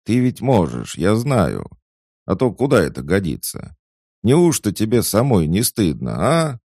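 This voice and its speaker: A man's voice: lowish voice, wildly swooping pitch, unhurried, a little mellow, dry recording, studio quality, voice pushed up, full character voice. A man voicing an eager female ghost maid in an audiobook, coaxing and pushy.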